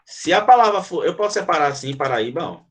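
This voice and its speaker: This is a Brazilian man, accented in Brazilian Portuguese, running an online grammar lesson where he breaks points down stepwise and asks the class questions. He talks fast and expressively in a high, fairly bright voice.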